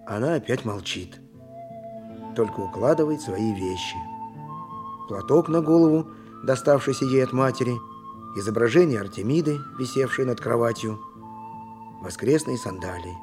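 Close to an everyday speaking voice, this mid-range man uses lively intonation at a moderate pace and pauses often, with music in the background. He is an actor voicing a downtrodden, impoverished donkey driver from ancient Greece in an audio drama. Alternating between narrating in first person and acting scenes, he sounds plaintive, simple, resigned and sad.

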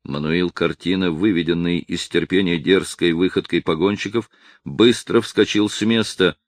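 An audiobook narrator reads a historical novel aloud in a steady, measured way from a script. His voice is low, and the studio recording is clean with no room sound.

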